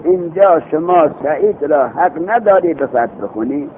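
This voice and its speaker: Lively-voiced man teaching grammar. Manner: quizzes students and recites examples slowly. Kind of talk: classroom grammar lesson. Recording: tinny phone-like recording with faint vehicle rumble.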